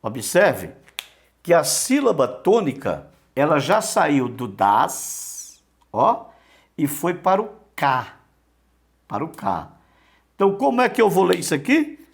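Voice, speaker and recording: A man's voice: a little high, very animated, slow, creaky, long pauses. A man teaching a Greek lesson, repeating key words and asking himself questions. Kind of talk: online lesson.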